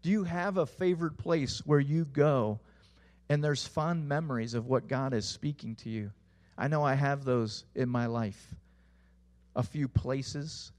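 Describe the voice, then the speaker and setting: A young adult man preaching a sermon as a pastor, earnest, putting questions to the listeners and letting his voice drop low at the ends of phrases. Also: unhurried, darkish tone.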